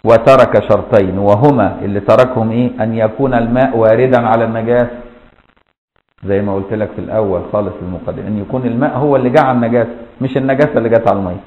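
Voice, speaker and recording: A man's voice: on the low side, very fast. A man with an Egyptian Arabic accent teaching a colloquial classroom lesson, explaining step by step and often checking that listeners follow. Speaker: Islamic jurisprudence teacher. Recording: echoey, dull lo-fi room recording.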